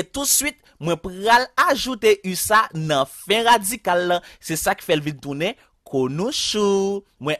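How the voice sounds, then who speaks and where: Animated Haitian man teaching a language. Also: high-pitched, no room sound, clean studio sound. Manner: slow, repetitive, spells out each rule. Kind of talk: online language lesson.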